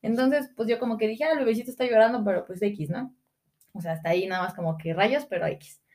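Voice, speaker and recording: A woman chats casually as a podcast co-host. She rambles through a story and acts out what others said. Her voice sits in an ordinary middle pitch for a woman. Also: expressive, a little fast, darkish tone.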